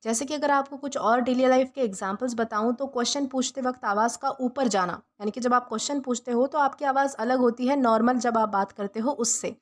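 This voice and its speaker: A woman's voice: on the high side, a little fast, few pauses. A woman teaching English vocabulary, patiently repeating and rephrasing each meaning. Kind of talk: vocabulary lesson explained in Hindi.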